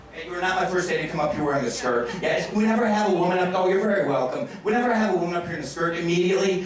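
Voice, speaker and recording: A man's voice: high voice, far from the mic. A man working as a stage hypnotist, joking brashly and crudely with volunteers on stage in front of a live audience. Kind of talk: live stage show patter. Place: stage in a large room before an audience. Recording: very echoey live room, captured from afar.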